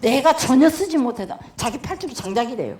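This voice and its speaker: A woman's voice: high voice, expressive, a little fast, a little mellow. An older woman with a South Jeolla accent, a pastor's wife telling stories in a church testimony talk and acting out voices. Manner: chatty, storytelling, acts out voices.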